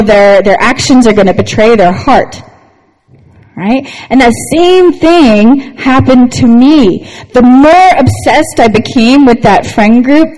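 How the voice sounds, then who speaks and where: A woman leads a devotional talk for women, sharing personal stories in an earnest, unhurried way. Her voice sits fairly high, and she keeps checking in with her listeners. A long reverb tail hangs on her words. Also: a little mellow. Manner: earnest, personal storytelling, frequent "right?" asides. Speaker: women's Bible teacher.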